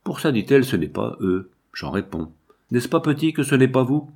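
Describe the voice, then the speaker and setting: Man voicing a blunt old farm servant woman, scolding, husky. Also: medium pitch, big pitch swings, moderate pace, a little mellow. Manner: brusque, scolding.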